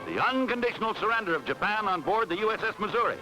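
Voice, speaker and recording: A man delivers a 1940s newsreel narration, his voice riding high and leaping through a wide, animated range. Every line is announced with emphatic drama. Loud orchestral music plays behind him the whole way. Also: quick pace, poor audio.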